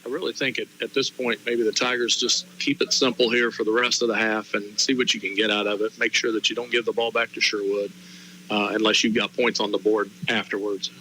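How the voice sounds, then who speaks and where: Lowish, sharp-voiced male color commentator. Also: level tone, brisk, slight background noise, low-quality recording. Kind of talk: conversational football analysis.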